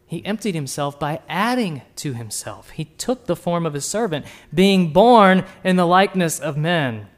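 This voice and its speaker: Guy preaching a sermon, high voice, goes hushed then emphatic, asks the crowd questions. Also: expressive, normal speed, hardly any pauses. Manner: swings between hushed and emphatic; asks the listeners direct questions.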